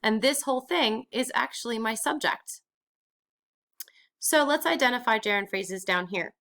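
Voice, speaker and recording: A woman's voice: on the high side, normal speed, fairly bright tone. A woman teacher explaining a grammar lesson step by step, asking and answering her own questions.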